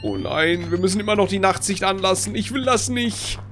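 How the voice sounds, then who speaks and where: A man's voice: high voice, brisk, fairly bright tone. Male streamer, middle-aged, playing a scared horror gamer's part as himself: casual, exclaiming, pleading commentary over faint music. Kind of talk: casual let's play commentary.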